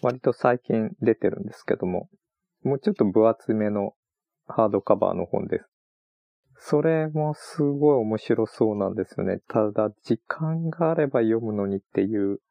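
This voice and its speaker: A man chatting on his own about books he read on a trip, rambling and relaxed with many fillers. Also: on the low side, normal speed, gravelly, dry recording. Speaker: podcast host. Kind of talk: casual solo talk about books.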